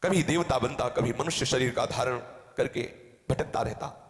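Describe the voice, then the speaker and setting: A man's voice: mid-range voice, normal speed. A man as a spiritual teacher giving a devotional discourse, telling a sage's story in the first person and quoting verses. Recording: roomy hall with long reverb.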